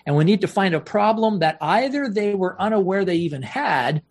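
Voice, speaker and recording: A man's voice: high voice, lively intonation, moderate pace. A man, a professional speaker, telling anecdotes with punchlines in an interview and laughing easily. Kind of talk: storytelling interview talk.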